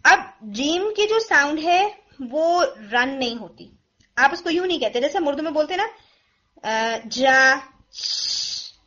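A woman's voice: sits high, lively intonation, sharp tone, dull audio. A woman, a teacher who patiently explains letter sounds step by step and uses everyday comparisons. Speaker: Quran recitation teacher. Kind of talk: pronunciation lesson.

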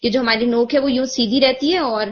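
A woman tutor explains pronunciation patiently and step by step, switching easily into English words. Her voice sits a little high. The audio is lo-fi and muffled. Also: fairly even intonation. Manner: patient, explanatory, mixing English terms into Urdu. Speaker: Quran recitation teacher. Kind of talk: one-on-one tajweed feedback.

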